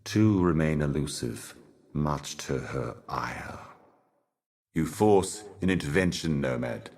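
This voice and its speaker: An actor playing a solemn otherworldly herald of cosmic horrors in a video game, speaking in an ominous, grandiose and cryptic theatrical manner. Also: male voice, very deep voice, lively intonation, slow pace, a little mellow, heavily acted. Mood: grave, cryptic, then stern warning. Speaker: game character, messenger and guardian.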